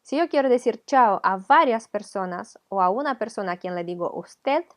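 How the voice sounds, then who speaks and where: A woman's voice: mid-range voice, expressive, moderate pace. A woman with a Ukrainian accent, a teacher explaining a video lesson patiently, step by step. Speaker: language teacher.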